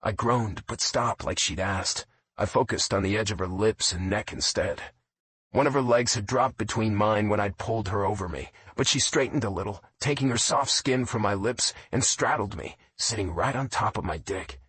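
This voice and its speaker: A man narrating a romance audiobook in a low, intimate first-person reading. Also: normal speed, a bit bright, breathy edge.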